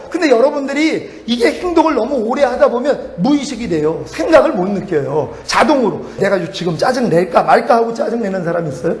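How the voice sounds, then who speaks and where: Brief: middle-aged male preacher, high animated voice, storytelling sermon with laughs, church reverb. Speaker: pastor. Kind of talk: revival sermon. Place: church sanctuary. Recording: echoey church hall.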